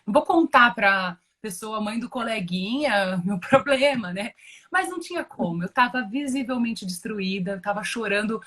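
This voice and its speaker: A woman's voice: medium pitch, lively intonation, normal speed, a bit bright. A Brazilian woman giving an earnest, emotional personal testimony in conversation, often restarting and repeating words as she talks. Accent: Brazilian Portuguese. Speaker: guest giving a religious testimony.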